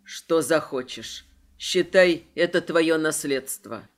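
Karkhidon, a woman doing a deep grave dragon. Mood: solemn. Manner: grave, slow and measured. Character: ancient solemn male dragon.

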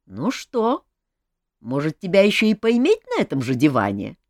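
A woman voicing a gruff, commanding male king who grumbles and bosses people around. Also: deep voice, huge pitch swings, moderate pace, darkish tone, no echo, studio quality. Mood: mock stern.

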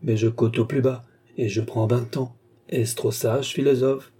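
A man's voice: medium pitch, fairly even intonation, measured pace, warm tone, husky. A man voicing a cold, mocking old male alchemist in an audiobook, taunting and flaring into fierce outbursts. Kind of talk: audiobook character voice.

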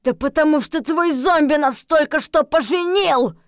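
Woman doing a snarling young werewolf guy, slow drawn-out words, growly, dry close sound. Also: mid-range voice, a little mellow, no room sound. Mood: growling angry.

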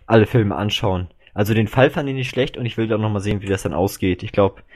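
A man's voice: lowish voice, darkish tone. A man co-hosting a casual fan podcast, chatty and opinionated, with a few hesitant restarts. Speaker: podcast co-host.

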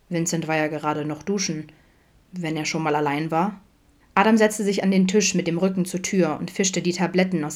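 A woman reading a fan fiction audiobook aloud in a steady storytelling manner. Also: fairly low pitch. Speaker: audiobook reader.

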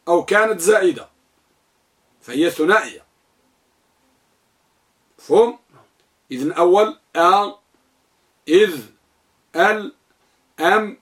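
In a classroom, a grammar teacher with a high-pitched voice quizzes his pupils and repeats every answer they give. Afterward he recites a lengthy list one entry at a time, steady as a metronome.

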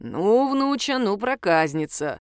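A woman reading the part of an older grandfather who talks gently and mildly scolds, in an audiobook. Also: medium pitch, very animated, slow, smooth, no echo, studio quality. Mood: fond. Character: older grandfather, kindly, embarrassed. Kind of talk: audiobook character voice.

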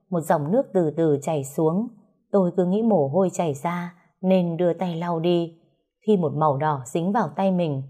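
A woman's voice: on the low side, mellow, slightly rough. A woman narrating a story in the first person, in a sorrowful, pleading way.

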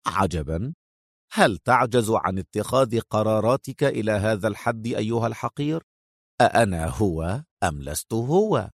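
A man voicing a calm, menacing male general who talks slowly in sarcastic, mocking tones, pitched below his own voice. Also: dry recording, studio quality.

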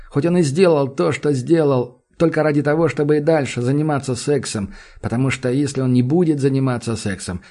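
A man reading a novel aloud in even storytelling narration. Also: mid-range voice. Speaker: audiobook narrator. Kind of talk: scripted narration.

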